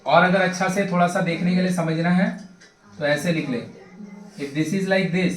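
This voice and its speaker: Lecturing his class, a high-voiced male math tutor keeps a steady tone and measured pace while chatting and joking in a familiar way. The microphone catches him from a distance as his voice echoes around the bare classroom.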